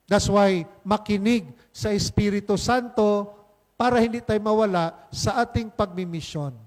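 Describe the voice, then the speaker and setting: High-voiced priest in a reverberant hall. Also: male voice, steady tone, unhurried. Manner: conversational, keeps asking "di ba?" and "okay?"; mixes English phrases into Filipino. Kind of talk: homily at Mass.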